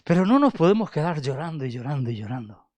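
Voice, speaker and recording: An older man preaching a sermon, asking rhetorical questions and repeating phrases, moving between raised and hushed delivery. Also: fairly high pitch, big pitch swings, fast talker, dry recording.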